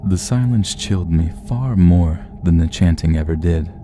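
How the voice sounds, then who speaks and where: A man narrating a horror story in a slow, measured, somber way. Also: deep voice, warm tone, slight background noise. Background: faint music.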